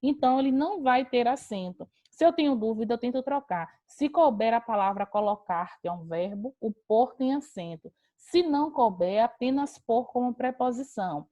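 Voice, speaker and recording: A woman's voice: a little high, animated, moderate pace, few pauses, dark tone, no room sound, lo-fi sound. A young adult woman, teaching a grammar lesson over a video call and addressing her students directly.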